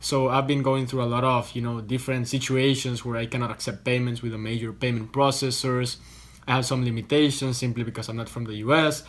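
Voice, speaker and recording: A man's voice: medium pitch, flat delivery, brisk. Chatty young man from Costa Rica. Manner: chatty, repeats and restarts words. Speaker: online business vlogger. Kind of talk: casual explainer to camera. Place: hotel room.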